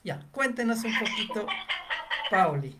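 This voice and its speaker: A woman hosting a casual interview, speaking slowly with many hesitations and fillers. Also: medium pitch, expressive, background noise. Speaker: interview host.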